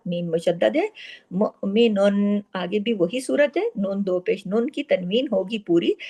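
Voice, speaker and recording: Mellow-voiced woman teaching tajweed. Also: medium pitch, breathy edge. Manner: explains step by step, then recites words slowly and drawn out; asks the listener quick questions and answers them herself. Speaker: Quran recitation teacher. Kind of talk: tajweed lesson with slow demonstrated recitation.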